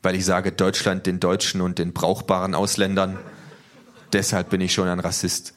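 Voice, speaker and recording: A man putting on a stuffy middle-aged male official, a little higher and louder than his own voice. He's curt and self-important and snaps his orders in a comic story. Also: monotone, moderate pace, close to an everyday voice. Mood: pompous.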